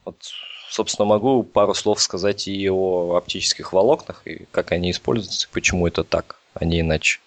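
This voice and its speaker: A telecom expert with a low, steady, brisk male voice explains technical topics in a relaxed podcast conversation. He sounds hesitant, working through his thoughts out loud as he talks.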